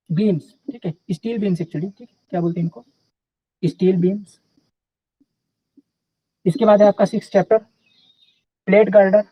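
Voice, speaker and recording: A man's voice: sits high, no room sound, lo-fi sound. A young man teaching a live online class in a casual, chatty way, often checking in with his students.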